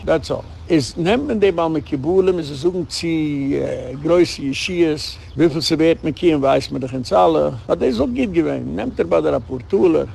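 A man, a rabbi, giving a storytelling lecture and jumping to a high voice when he quotes others. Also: gravelly, slight background noise. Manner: animated storytelling with sudden jumps in pitch.

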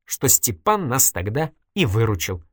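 A reader voicing a sharp-tongued, stubborn young woman in an audiobook, reproachful and needling, with a dry close sound. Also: very deep voice, sing-song, unhurried, dry recording, full character voice. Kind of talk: audiobook character voice.

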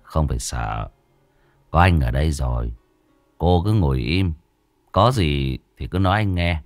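A young shaman, unhurried and firm, coaxing and commanding in turn, as a male storyteller plays him. The voice is deep with a lively, rising and falling lilt. The recording is close and dry. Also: no room sound, soft background music. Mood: calm firm.

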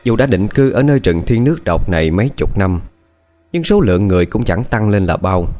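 A man narrating a ghost story audiobook in a steady storytelling voice. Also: lowish voice, brisk, soft background music. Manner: steady storytelling with lively intonation. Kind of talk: scripted narration.

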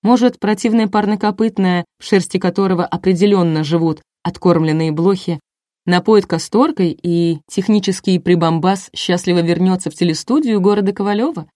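Woman, audiobook narration, wry, ironic, lowish voice, dry. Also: a little fast, dark tone, dry recording. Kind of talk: first-person audiobook narration.

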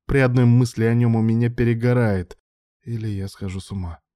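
A brooding young man, voiced by a male narrator, barking forceful demands in a lowish, mellow voice. The delivery is intense and commanding, and the audiobook recording is dry. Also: normal speed, no echo, close to an everyday voice. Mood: angry. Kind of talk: audiobook dialogue.

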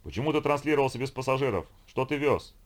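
A man's voice: medium pitch, animated, quick pace, pitched above the performer's own voice, close to an everyday voice. A man voicing a brutal viking pirate chieftain in an audiobook, barking orders and threats. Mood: furious. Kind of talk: audiobook character voice.

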